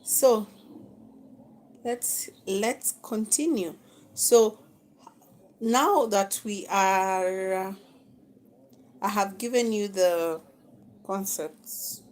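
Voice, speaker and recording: A woman's voice: medium pitch, very slow, long pauses, darkish tone, rough recording. A woman with a Kenyan accent teaching a live online masterclass on social media management, coaching her viewers, repeating phrases and checking in with "okay?". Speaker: social media marketing instructor.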